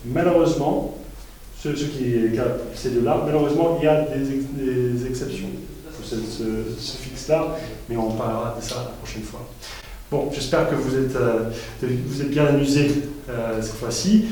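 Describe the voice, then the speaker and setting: A man teaching a lesson at a board, pausing often with fillers and restarting his phrases. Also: medium pitch, steady tone, dark tone. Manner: hesitant, many euh fillers and restarts. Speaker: English teacher. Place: classroom with a board. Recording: echoey room, mic far off.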